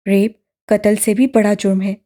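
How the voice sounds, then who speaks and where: A woman's voice: medium pitch, flat delivery, moderate pace, voice pushed down, close to an everyday voice. A woman voicing a stern young man who lectures his friend firmly in an audiobook reading. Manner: firm, forceful, lecturing. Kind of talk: audiobook narration.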